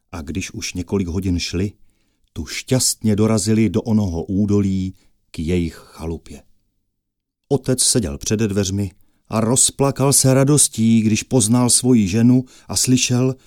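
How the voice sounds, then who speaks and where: A man's voice: on the low side, no room sound. Dry-voiced male fairy-tale storyteller. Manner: lively storytelling, rising with the action.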